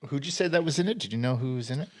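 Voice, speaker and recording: A man's voice: mid-range voice, animated, very fast, darkish tone. A man co-hosting a podcast, chatting casually about upcoming movies, rambling with restarts and frequent laughs. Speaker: podcast co-host.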